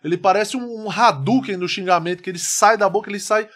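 Sarcastic Brazilian man, high voice. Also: fast. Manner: ironic, mock-praising, animated. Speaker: comedy video host. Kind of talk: sarcastic comedic commentary.

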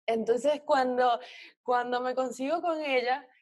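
A woman with a Venezuelan accent tells stories from her acting work in a lively, chatty way. Her voice sits fairly high, and she often acts out her own past words and other people's. The sound is dry and close, with no room echo. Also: measured pace. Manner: animated storytelling, quotes herself and others. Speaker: actress guest. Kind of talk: casual interview chat.

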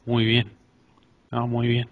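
A man's voice: medium pitch, monotone, takes it slowly, no room sound, narrow, tinny audio. A man, a hypnosis client describing his experience hesitantly, repeating words. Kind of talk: halting personal account.

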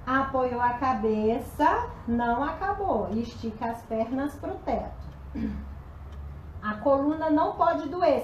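A woman's voice: sits high, darkish tone, reverberant, a little hiss or hum, poor audio. A woman teaching a live pilates class at home, counting reps aloud while exercising and getting out of breath, her voice faltering. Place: room at home.

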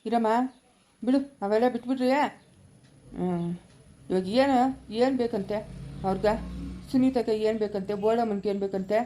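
A woman's voice: on the high side, normal speed, pauses often, mellow, a little hiss or hum, lightly acted. A woman playing a firm, middle-aged male village elder in a rural family drama. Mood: soothing.

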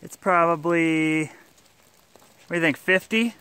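Walking a forest trail on a long hike, a thirty-something vlogger narrates casually to a handheld camera at arm's length, upbeat and chatty as he moves. He speaks slowly in a slightly high voice with a sharp, clear, resonant tone.

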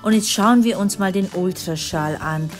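A woman voicing a relaxed, blunt male doctor in a kids' animated story. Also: medium pitch, moderate pace, faint music behind, pitched below the performer's own voice, natural voice. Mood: offhand. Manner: casual, dismissive.

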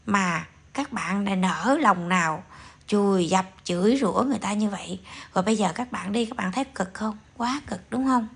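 A woman's voice: mid-range voice, moderate pace, vocal fry, breathy edge. A woman hosting an opinion vlog, scolding her viewers with a string of rhetorical questions. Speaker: vlog host. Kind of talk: opinion commentary monologue.

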